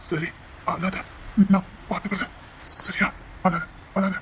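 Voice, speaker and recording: A man acting a husband who questions firmly and then calms his crying wife in a family drama. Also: high-pitched, a little slow, slight background noise. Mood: soothing.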